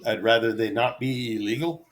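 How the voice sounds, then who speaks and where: Speaking in a mid-range voice, a middle-aged solo vlogger rambles to his viewers without a script. He's halting and easygoing, dropping self-deprecating asides.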